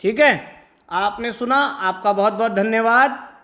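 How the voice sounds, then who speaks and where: Bright and pushed, his high-pitched voice carries an exam-prep lecture on Hindi. The teacher explains each step in turn, frequently asks rhetorical questions, and slows down to elongate words as pronunciation examples.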